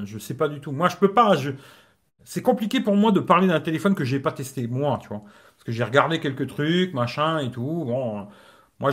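A man hosting a casual live stream as a tech reviewer. He talks in slangy, rambling French and keeps adding "tu vois". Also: mid-range voice.

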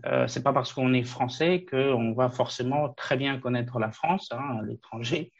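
A gravelly-voiced man in his late thirties, from Afghanistan, speaks as an interview guest. He talks haltingly, full of pauses, fillers and restarts. The audio is dull and lo-fi. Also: mid-range voice. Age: late 30s. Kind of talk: conversational interview.

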